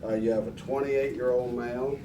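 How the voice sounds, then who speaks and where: A man with a mid-range voice and a steady, brisk tone runs a paramedic training scenario. He gives prompts and informal explanations and often checks that trainees are following. The recording is echoey and distant, with clear noise.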